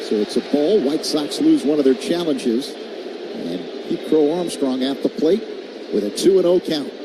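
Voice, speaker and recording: Over loud, constant stadium noise, a man with a highish voice calls live baseball play-by-play on the radio. He's animated yet unhurried, speaking in clipped phrases that build to shouts on big plays.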